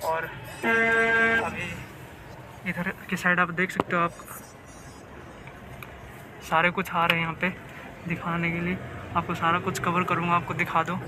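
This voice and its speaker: Loud street traffic runs behind a young man from Bihar as he vlogs about travel in a high, flat voice, unhurried and pausing often. He's chatty, repeats himself, and mixes in English words, filming on a phone at arm's length outdoors in the city and later inside a moving car.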